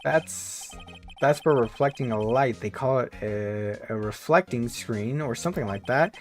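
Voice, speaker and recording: A man's voice: medium pitch, measured pace, faint music behind, close to an everyday voice. A man voicing a put-upon young male lawyer who makes dry, sarcastic asides.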